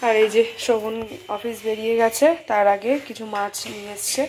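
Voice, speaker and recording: A woman's voice: on the high side, flat delivery, a little fast, slight background noise. Chatty woman narrating a home vlog. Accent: Bengali. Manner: chatty, addresses viewers directly, talks softly at times. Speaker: vlogger. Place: family home, indoors.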